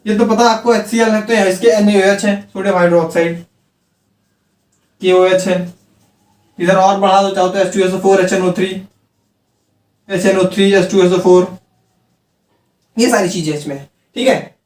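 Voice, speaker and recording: A man's voice: sits high, fairly even intonation, normal speed, pauses often, darkish tone. Man teaching chemistry, roomy and distant. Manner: repeats key terms, asks and answers his own questions. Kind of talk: chemistry lecture. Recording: roomy sound from a distant mic.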